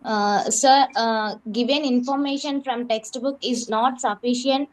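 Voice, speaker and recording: Slow, careful Indian woman teacher. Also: a little high, steady tone, poor audio. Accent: Indian English. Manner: careful, hesitant, with fillers. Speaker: teacher practicing English.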